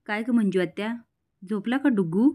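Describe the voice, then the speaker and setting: Brief: woman reading a jealous young woman, spiteful edge, mid-pitched everyday voice. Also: moderate pace, warm tone, natural voice. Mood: indignant. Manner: read out within a plain recap.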